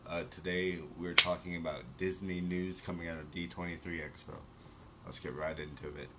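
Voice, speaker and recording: His voice sits low, delivered flatly at a moderate pace. The young adult vlogger presents a casual sit-down news chat from a small indoor bedroom, with the camera near his face. He's chatty and enthusiastic, using many fillers.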